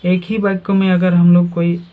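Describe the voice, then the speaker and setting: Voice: mid-range voice, little pitch movement, moderate pace. A teacher giving a grammar lesson, asking questions and then answering them. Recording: tinny phone-like sound.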